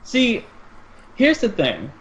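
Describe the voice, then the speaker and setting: A man's voice: high voice, huge pitch swings, slow pace, gravelly, fairly bright tone. A man co-hosting a sports and gaming podcast, talking things through at length in casual chat. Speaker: podcast co-host. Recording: dull lo-fi sound, faint noise.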